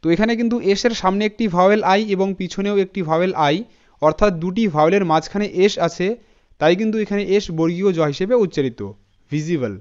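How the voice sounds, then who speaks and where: A man teaching English pronunciation in a spoken lesson, spelling words out letter by letter and repeating each one slowly, often checking in with his students. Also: sits high, darkish tone, clean tone, muffled recording. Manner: addresses students directly with frequent "thik ache" checks.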